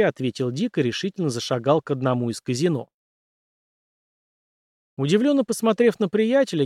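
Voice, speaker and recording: A man narrating an audiobook in a steady, measured way. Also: mid-range voice, dry recording, clean studio sound.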